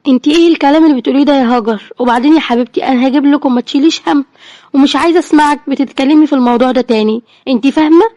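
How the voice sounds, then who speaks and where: امرأة تؤدي صوت أم أرملة قلقة بلهجة مصرية. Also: female voice, high voice, rapid-fire, warm tone, dry recording, muffled recording, close to an everyday voice. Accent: Egyptian Arabic. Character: poor widowed young mother, worried and tender.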